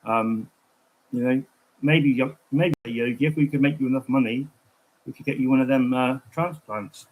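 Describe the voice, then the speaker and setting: A man's voice: mid-range voice, normal speed, rough recording. A man chatting casually on a livestream, telling rambling, digressive stories.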